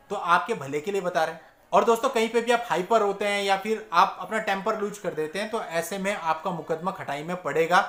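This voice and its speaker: A man's voice: sits high, a bit bright. A male lawyer giving advice straight to camera, preaching and calling the viewers his friends. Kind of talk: direct-to-camera advice talk. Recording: roomy echo.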